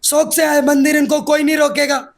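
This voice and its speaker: Very high-voiced, combative man. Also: little pitch movement, normal speed. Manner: aggressive, defiant, threatening. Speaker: interviewee, activist. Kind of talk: heated political interview.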